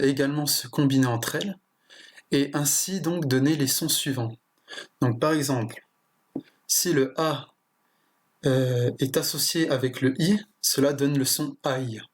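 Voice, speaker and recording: A man teaching a language lesson in a plain explanatory way, often pausing with fillers and restarting his sentences. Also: mid-range voice. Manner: hesitant, with frequent fillers and restarts.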